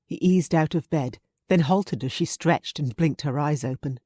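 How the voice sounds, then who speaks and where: Mellow-voiced woman reading a romance. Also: deep voice, moderate pace, husky, dry recording, clean studio sound. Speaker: audiobook narrator. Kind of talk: scripted narration.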